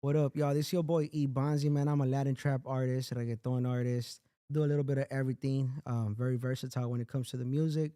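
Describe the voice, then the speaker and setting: A man's voice: mid-range voice, little pitch movement, fast talker, few pauses, mellow, smooth. A young man from Inglewood, telling his story in a laid-back, slangy way as an interview guest. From Inglewood, California. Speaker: music artist guest. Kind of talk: casual interview chat.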